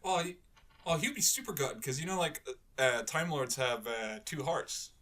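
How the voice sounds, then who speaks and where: A man's voice: mid-range voice, animated, moderate pace, a bit bright. A man co-hosting a podcast in crude, mocking banter, laughing constantly between lines. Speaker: podcast co-host.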